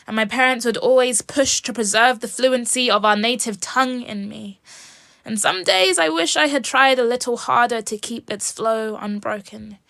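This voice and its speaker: A young woman from England reciting a personal spoken-word poem in a slow, soft, lyrical way, sometimes dropping to a whisper. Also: a little high, vocal fry, no room sound, studio quality. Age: young adult. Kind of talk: spoken-word poetry performance.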